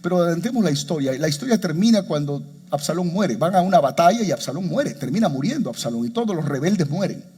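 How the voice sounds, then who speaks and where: A man preaching a sermon as pastor, addressing his congregation directly and building to impassioned, slowed-down exhortations. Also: lively intonation, a little mellow, breathy edge. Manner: impassioned preaching, rises high and slows for emotional quotes.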